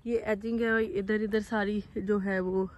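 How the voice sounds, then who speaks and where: A woman chatting to her phone camera while walking through farm fields, a bit out of breath and hoarse. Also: mid-range voice, level tone, a little slow, a little mellow. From Pakistan. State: slightly out of breath and coughing. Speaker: vlogger. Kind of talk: casual walking vlog narration. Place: outdoors in open farm fields. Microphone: phone camera held while walking.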